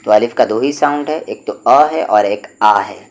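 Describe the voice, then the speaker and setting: Patient man teaching Urdu letters. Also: fairly low pitch. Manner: slow, patient, repeats each point and drills syllables. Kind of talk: step-by-step spoken lesson.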